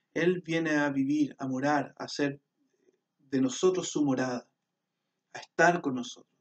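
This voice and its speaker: Male preacher, earnest and prayerful, a touch high-pitched, sermon style. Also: recorded from a distance, highs cut off. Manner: earnest, repetitive and prayerful, often softening to a hush. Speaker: pastor.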